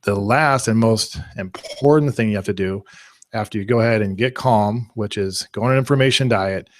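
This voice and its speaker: Guy running a live marketing webinar, lowish voice, dry close sound, chatty and upbeat. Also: moderate pace, dry recording. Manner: energetic, conversational, uses analogies. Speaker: webinar presenter. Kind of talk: teaching a live online class.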